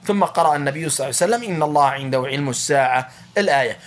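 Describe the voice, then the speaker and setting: A male religious teacher giving a lecture, reading a classical text aloud and explaining it with quick rephrasings and frequent restarts. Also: a little high.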